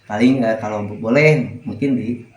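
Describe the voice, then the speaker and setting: A man's voice: on the low side, fairly even intonation, normal speed. A man interviewing a teacher, polite and agreeable, often chiming in with agreement. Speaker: interviewer, school literacy guide. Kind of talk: casual interview conversation. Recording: echoey room with faint noise.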